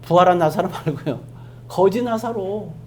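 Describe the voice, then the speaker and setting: A pastor preaching a Sunday sermon in a church, firing rhetorical questions at the congregation and dropping from loud emphasis to hushed asides. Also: medium pitch, normal speed, slight background noise. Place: church sanctuary.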